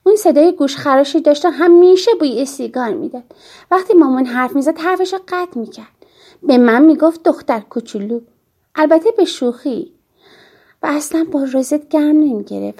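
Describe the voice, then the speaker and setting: Brief: woman audiobook narrator, high-pitched yet mellow, calm and measured.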